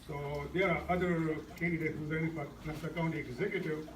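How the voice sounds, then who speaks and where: A man introduces the guests at a community event, speaking plainly and hesitantly in a fairly high voice. The sound is echoey and distant, as if recorded from across a hall. Clear background noise fills the room. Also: steady tone, a little fast. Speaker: event organizer.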